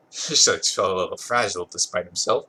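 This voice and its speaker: This man's deep, husky voice is congested yet bright and forceful, delivered at a normal speed. As a podcast host reading fan fiction aloud, he dramatizes a comic story with amusement, sometimes stumbling and correcting himself.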